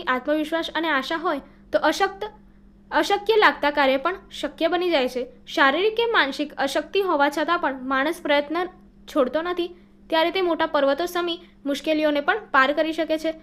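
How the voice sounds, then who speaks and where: A woman teaching by reading workbook answers aloud in a steady, explanatory way, now and then correcting a slip. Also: high-pitched.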